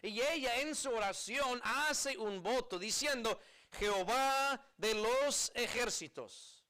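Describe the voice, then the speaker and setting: Slow, bright-voiced preaching pastor. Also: male voice, extremely high pitch. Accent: American. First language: English. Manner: earnest preaching, slow emphatic phrasing, repeats key words. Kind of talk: sermon.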